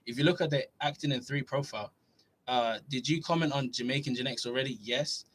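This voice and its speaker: Hosting a casual livestream, this young Norwegian fitness YouTuber reads out viewers' chat questions and answers them in a loose, relaxed, talkative way. Norwegian is his first language. He speaks quickly at an ordinary middle pitch, with a breathy edge.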